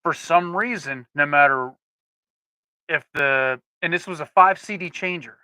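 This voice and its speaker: Bright-voiced man telling a spooky story. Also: fairly high pitch, unhurried, no room sound, rough recording. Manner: storytelling, rambling with restarts. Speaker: podcast co-host. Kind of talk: casual chat.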